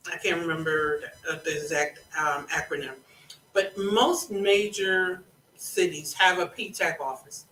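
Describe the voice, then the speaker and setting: An unhurried consultant talks through government contracting step by step, hammering key points home with a bright, forward tone. A scratchy throat keeps interrupting with small clears. The voice sits back from the mic in an echoey room. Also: medium pitch, far from the mic. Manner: deliberate, instructive, repeats points for emphasis. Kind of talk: live educational monologue. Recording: roomy echo, speaking away from the mic.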